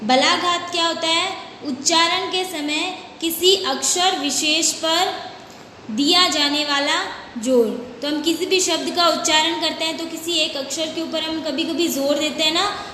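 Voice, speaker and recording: A woman's voice: high voice, unhurried, sharp tone. A woman school teacher giving a grammar lesson, explaining step by step and answering her own questions. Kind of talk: recorded Hindi grammar lesson. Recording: echoey room with long reverb, faint noise.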